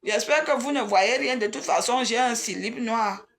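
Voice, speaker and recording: A woman, chatting casually and excitedly on a live stream and teasing her viewers. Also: fairly high pitch, unhurried. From Cameroon.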